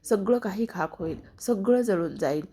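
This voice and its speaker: Woman narrator doing a loud boastful guy yelling, raspy gravelly voice. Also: mid-range voice, expressive, moderate pace. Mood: gloating. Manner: shouting, boastful. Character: hot-headed grown man, loud and spiteful.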